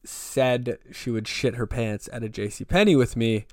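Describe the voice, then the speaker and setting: A young man runs a relaxed podcast interview, joking, swearing and laughing as he reads out listener questions. His voice sits in the middle range and is recorded dry, with no room sound. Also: medium pitch, normal speed, dry recording. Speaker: podcast host. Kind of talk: casual interview chat.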